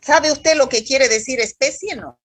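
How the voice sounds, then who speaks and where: A woman's voice: high-pitched, moderate pace, a bit bright, husky, dry recording. A woman teaching a university microbiology class over a video call, quizzing students by roll call in a stern, scolding way.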